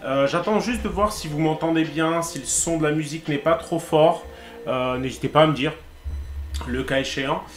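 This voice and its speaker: A man with a French accent, hosting a live painting stream in a relaxed, chatty way and often pausing with hesitant fillers. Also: on the high side, echoey room, faint music behind.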